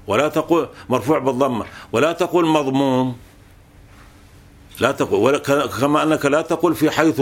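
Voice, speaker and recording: A man's voice: medium pitch, vocal fry. A man teaching a classical grammar text, explaining patiently and repeating points with fillers.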